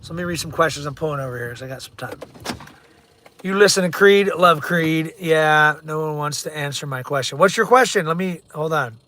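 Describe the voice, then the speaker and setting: A man's voice: on the high side, quick pace, few pauses, pushed and bright. Blunt man vlogging from his car. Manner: blunt, rambling, reads viewer comments aloud. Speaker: real estate agent. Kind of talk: casual livestream chat while driving.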